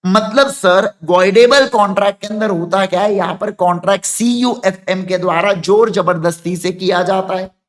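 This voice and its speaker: A man from India teaching law to a class, telling a story with lively call-and-response questions and acting out voices. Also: sits high, normal speed. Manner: acts out students' lines and crying in put-on voices. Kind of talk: classroom lecture.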